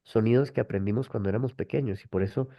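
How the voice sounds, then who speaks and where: A man's voice: on the low side, quick pace, vocal fry. A man hosting an online webinar, explaining patiently with many rhetorical tag questions over a video call. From Colombia. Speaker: webinar host, language method presenter. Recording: dull lo-fi call audio.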